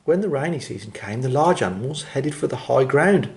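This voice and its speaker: In a gentle, expressive, creaky voice of medium pitch, a man reads a children's story aloud. He slows his phrasing to build up the drama.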